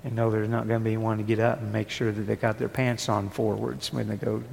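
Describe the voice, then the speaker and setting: A man preaching a sermon, moving from hushed, tender passages to rising, forceful declarations. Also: lowish voice, flat delivery, quick pace, creaky. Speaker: pastor. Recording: long hall reverb with faint noise.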